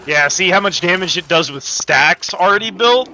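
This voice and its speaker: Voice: medium pitch, expressive, moderate pace, bright, forceful tone, slight background noise. A livestream host chatting casually and effusively with viewers while playing a video game. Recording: game music behind the voice. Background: video game music.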